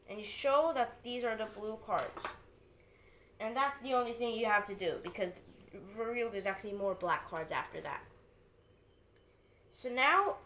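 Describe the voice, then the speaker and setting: An amateur card magician with a slightly high, fairly bright voice talks through a trick step by step, teaching it as she performs. Her patter is informal, and a little hiss or hum sits in the background.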